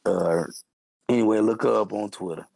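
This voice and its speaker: A man's voice: on the low side, normal speed, gravelly, a little mellow, no room sound. A young man co-hosting a podcast, hyped and joking, full of slang and repeated catchphrases. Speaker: podcast co-host. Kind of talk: casual podcast banter.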